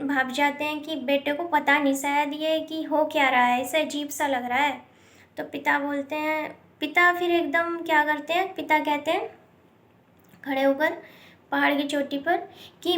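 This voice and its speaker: Woman storyteller, high-pitched, plain repetitive moral-story narration. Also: a bit bright. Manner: plain, repetitive, mixes in English words.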